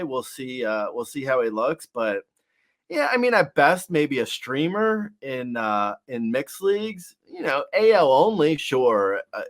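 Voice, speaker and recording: On his sports podcast, a man with a mid-range voice chats casually about baseball. His delivery halts and repeats words, and he keeps slipping in wry jokes.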